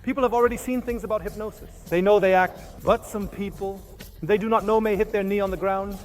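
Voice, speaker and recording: A man giving an instructional hypnosis demonstration as a teacher, speaking in short, halting phrases with commands and repetitions. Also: high-pitched, steady tone, slight background noise.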